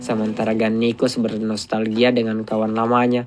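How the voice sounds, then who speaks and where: A man doing a steady, scripted voice-over that retells a film's plot. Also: lowish voice, moderate pace, faint music behind. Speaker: film recap narrator. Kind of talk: scripted narration.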